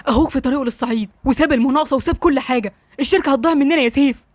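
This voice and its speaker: A woman's voice: high-pitched, rapid-fire, no room sound, lightly acted. A woman with an Egyptian accent voicing a worried young businessman, urgent and fretful. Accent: Egyptian Arabic.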